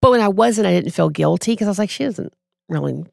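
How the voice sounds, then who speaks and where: A woman in her forties, a podcast guest, telling a personal story in a casual, animated way and acting out what others said. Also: mid-range voice, quick pace, creaky, no echo, studio quality. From Texas. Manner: animated, acts out quoted voices.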